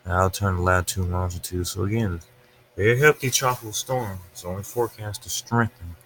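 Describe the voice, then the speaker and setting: A man's voice: low-pitched, steady tone, a little fast, a bit bright, slight background noise. A man giving casual, unscripted weather commentary over a webcam from an upstairs room at home, talking through his screen as he goes. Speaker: weather livestreamer.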